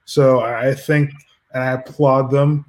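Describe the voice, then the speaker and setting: A man's voice: mid-range voice, level tone, measured pace, darkish tone. Rambling man in a casual chat. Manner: rambling, argumentative, frequent restarts. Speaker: podcast co-host.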